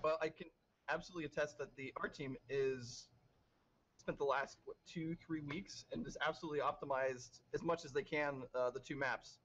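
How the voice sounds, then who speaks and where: A man's voice: a little high, fairly even intonation, normal speed, a bit bright, a little hiss or hum. Hesitant man on a dull lo-fi line. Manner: hesitant, with many filler words. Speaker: game level designer. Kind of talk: casual podcast talk.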